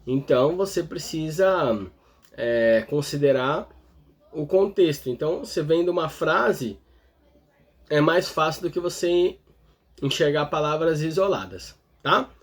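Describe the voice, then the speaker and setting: A man's voice: a little high, a little slow. A man from Brazil with a Brazilian Portuguese accent, teaching an English grammar lesson step by step and often checking in with the viewer. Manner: explains step by step, constantly checking in with the listener. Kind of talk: explanatory online lesson.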